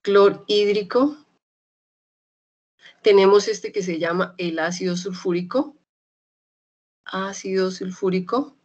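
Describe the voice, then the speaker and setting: A young adult woman with a Medellín Colombian accent gives an online chemistry lesson. She talks in a lively, chatty way and often checks that her students follow. When a key term comes up, she slows down and says it several times. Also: on the low side, highs cut off. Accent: Colombian Spanish, Medellín. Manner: spells out terms slowly and repeats them. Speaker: chemistry teacher. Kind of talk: online class lecture.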